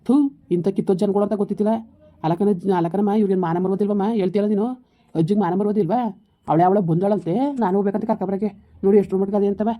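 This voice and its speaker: A woman's voice: medium pitch, fairly even intonation, mellow, lightly acted. Woman playing an indignant daughter. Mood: furious. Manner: indignant, scolding, rapid-fire rhetorical questions. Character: fed-up grown daughter furious at her family. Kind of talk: village family comedy skit. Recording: tinny phone-like audio.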